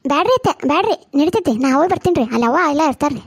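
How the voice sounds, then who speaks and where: A woman's voice: sits high, big pitch swings, very fast, dry recording. A woman voicing a respectful young daughter-in-law in a cartoon. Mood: polite.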